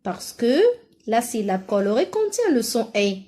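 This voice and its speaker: A woman's voice: fairly high pitch, big pitch swings, mellow. A woman with a Moroccan French accent teaching a first-grade phonics lesson, stretching out syllables and encouraging her pupils. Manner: slow, drawn-out syllables, encouraging. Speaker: primary school teacher.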